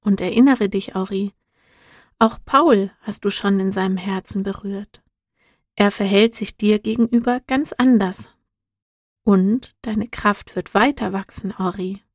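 A woman voicing a patient, wise male guide in a storybook, speaking calmly and softly, often close to a whisper. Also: mid-range voice, unhurried, no room sound, natural voice. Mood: gentle, soothing. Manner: calm, soothing, at times whispered.

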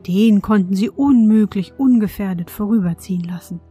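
Gentle woman whispering a bedtime story. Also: medium pitch, moderate pace, breathy edge, faint music behind. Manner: soft and gentle, addresses a child. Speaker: fairy-tale podcast host.

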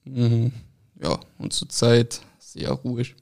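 With a darkish, mid-range voice touched by vocal fry, a young French-born man raised in Berlin talks slowly yet very animatedly. He's a football player in a casual interview, offering short, hesitant replies with plenty of fillers.

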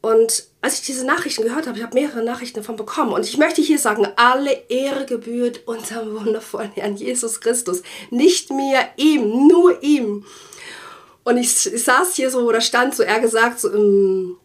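A woman from Germany hosting a faith podcast, telling her personal testimony earnestly, often slowing down and sinking into soft whispers. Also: fairly high pitch. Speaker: podcast host.

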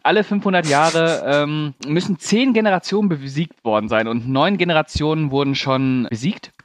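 A man's voice: fairly high pitch, moderate pace, a little hiss or hum. A man from Germany hosting a film podcast, steering the chat with teasing, crude jokes. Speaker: podcast host. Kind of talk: casual chat.

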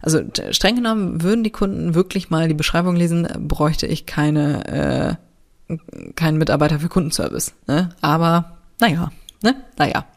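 A woman's voice: sits low, normal speed, vocal fry, darkish tone. A woman with a German accent and a nasal, stuffy-nosed voice, chatting casually and bluntly as a solo podcast host.

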